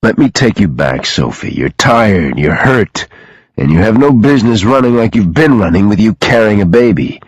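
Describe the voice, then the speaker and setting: A man voicing a stern, calm protective man. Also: lowish voice, breathy edge, no echo, heavily acted. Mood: steady. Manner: even, firm, measured.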